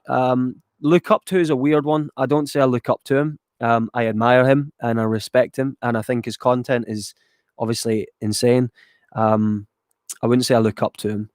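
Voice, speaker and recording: A man's voice: medium pitch, no room sound, studio quality. A Scottish man from near Glasgow reading viewer questions aloud and answering them in a loose, rambling way, with lots of ums and casual swearing. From Scotland, west of Glasgow. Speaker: YouTuber answering viewer chat.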